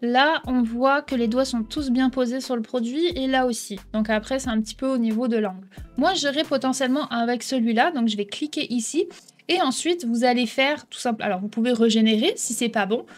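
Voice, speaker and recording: A woman hosting a casual software tutorial, explaining step by step and checking in with the viewer often. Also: on the high side, fairly quick, faint music behind. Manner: chatty, explains step by step, keeps asking "d'accord?". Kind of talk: casual screen-recording tutorial.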